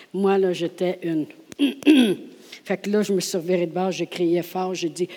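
A woman preacher with a Québécois accent tells her story in a lively, theatrical way, dropping to hushed asides and then rising to loud lines. Her voice rings out with a long reverb in a church hall. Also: fairly low pitch, slow pace. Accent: Québécois French. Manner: lively, laughing, acts out scenes, swings from hushed to loud. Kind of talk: animated storytelling sermon.

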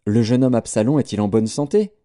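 A man's voice: mid-range voice, fairly quick, warm tone, natural voice. A man voicing a grieving old king. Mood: calm. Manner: wailing lament. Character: grieving old king, father of a dead son.

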